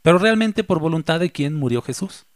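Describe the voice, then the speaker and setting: A man preaching a sermon as a pastor. He reads scripture aloud and slowly repeats the key phrases for emphasis. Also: a little high, animated, no echo.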